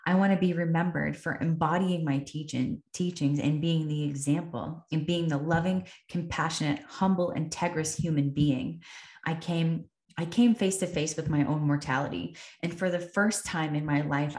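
A woman's voice: low-pitched, steady tone, normal speed, darkish tone. A woman hosting a podcast, telling a personal story in an earnest, reflective way and repeating phrases for emphasis. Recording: echoey room.

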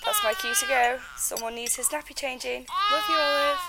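A woman's voice: sits high, lively intonation, fairly quick, creaky, very noisy. A British woman playing an affectionate, eager wife and mother calling home news in an audio drama. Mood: hopeful, coaxing.

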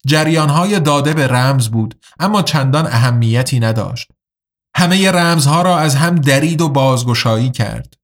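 A man reading a science fiction story aloud as a steady, measured narrator. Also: fairly high pitch. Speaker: audiobook narrator. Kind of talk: scripted narration of a sci-fi story.

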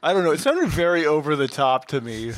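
A man's voice: fairly high pitch, sing-song, fairly quick, dry recording, studio quality. A man co-hosting a casual film review podcast, retelling the plot in a rambling way with lots of fillers and restarts. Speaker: podcast co-host.

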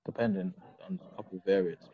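A man's voice: deep voice, steady tone, quick pace, slightly rough. A man with an urban London roadman accent, chatting casually and informally in slang with friends. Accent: London, urban street slang. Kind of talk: casual podcast group chat. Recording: slightly dull, lo-fi sound.

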